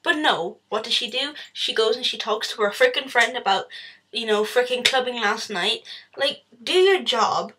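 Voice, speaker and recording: A woman's voice: a little high, normal speed, background noise. A woman vlogger ranting casually and with exasperation about everyday annoyances, swearing freely.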